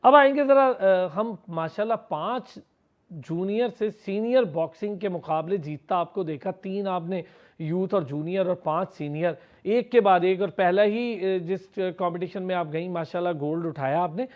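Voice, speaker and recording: A man's voice: high-pitched, moderate pace, phone-quality sound. A man from Pakistan with a Pakistani Urdu accent, interviewing an athlete on a TV sports show in long, multi-part questions full of praise.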